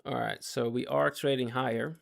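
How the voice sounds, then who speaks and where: A creaky, medium-pitched man's voice holds a steady tone at moderate speed. The day trading streamer gives casual live commentary on his trades while losing his voice, talking in bursts, repeating himself and asking his chat to keep up.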